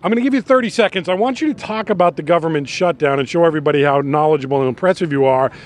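A male TV host runs a live college segment with a high voice. He talks with playful, teasing banter and quick jokes. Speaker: TV morning show host. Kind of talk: upbeat joking live TV banter. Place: outdoors at a college campus event.

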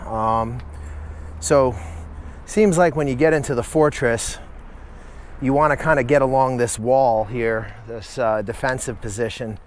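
A man's voice: mid-range voice, measured pace, slight background noise. A man talking casually to camera as a travel vlogger while walking around a hilltop fortress, thinking aloud with fillers. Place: outdoors at a hilltop fortress in a city.

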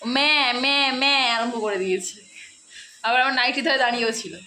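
A high-voiced woman chats away while filming a casual vlog in her home kitchen and living room. She talks sweetly to a small child and laughs often between remarks. The phone recording carries plenty of household noise behind her. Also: steady tone, moderate pace, bright, forceful tone. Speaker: vlogger. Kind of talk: casual family vlog chat.

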